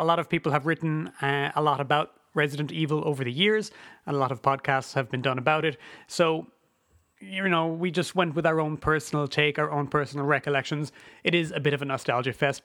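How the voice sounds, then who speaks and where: A man's voice: on the high side, fairly bright tone, dry recording, studio quality. An Irish man hosting a podcast as a casual solo monologue, recorded indoors in a wooden cabin. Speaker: podcast host.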